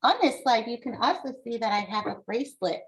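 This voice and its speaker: An American author with a fairly high-pitched voice reads her book aloud to young listeners. She explains it in a deliberate, encouraging and instructive way.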